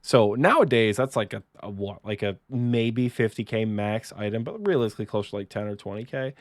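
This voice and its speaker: A man's voice: on the low side, animated, brisk, no room sound, clean studio sound. A man co-hosting a podcast, telling a casual story with lots of fillers, restarts and self-mocking asides. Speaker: podcast co-host.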